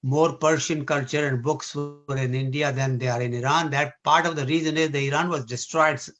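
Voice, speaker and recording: A man with a Pakistani accent leading a discussion, explaining in an agreeable, halting way. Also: on the high side, steady tone, music in the background. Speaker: discussion leader.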